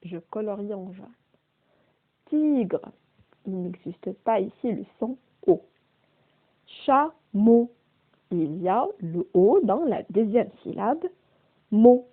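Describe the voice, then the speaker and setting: A woman teaching a primary school phonics lesson, slowly repeating and stressing each word's sounds. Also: medium pitch, expressive. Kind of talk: slow, deliberate remote phonics lesson. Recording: phone-quality, narrow-band audio.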